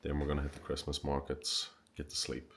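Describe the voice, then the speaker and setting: A man's voice: rumbling low, monotone, fairly quick, a bit bright, slight background noise. An Irish man talking casually to his vlog audience. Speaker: vlogger and endurance racer.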